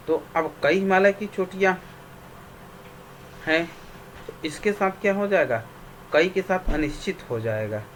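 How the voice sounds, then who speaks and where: A man teaching a Hindi grammar lesson for exam prep. He repeats example sentences slowly and asks and answers his own questions. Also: a little high, a bit bright, slight background noise, low-quality recording.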